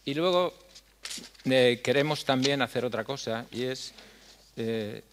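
An older man from La Mancha, head of a foundation, giving a speech on a dark stage at a stand mic, earnest and halting, with many fillers. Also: medium pitch, slight background noise. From La Mancha, Spain. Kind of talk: conference speech. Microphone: stand mic at a lectern.

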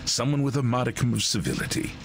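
An actor playing a suave, sinister recruiter who speaks in an oily, theatrical, condescending way. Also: male voice, medium pitch, steady tone, fast, lightly acted. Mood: silky menace.

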